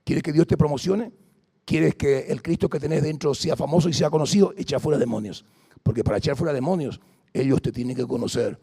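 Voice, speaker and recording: Brief: male pastor, high gravelly voice, long hall reverb. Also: brisk, warm tone. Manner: fervent, exhorting, calls to the congregation. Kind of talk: Pentecostal deliverance sermon.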